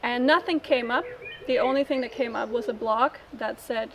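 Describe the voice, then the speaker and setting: A Danish woman with a slightly high voice tells her personal story in an interview, pausing and thinking aloud as she goes. There's a little hiss or hum in the recording.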